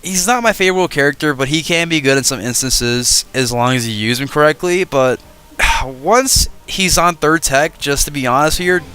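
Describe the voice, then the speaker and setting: A man's voice: a little high, animated, normal speed, clean tone. Stuffy-nosed man doing casual game commentary. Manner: easygoing, thinks out loud. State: stuffy nose. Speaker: gaming channel host.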